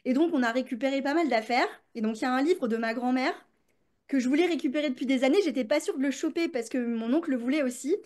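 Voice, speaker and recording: A woman's voice: high voice, quick pace, darkish tone. A woman, a creativity coach, chatting as a podcast guest with many fillers and restarts. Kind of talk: casual podcast interview.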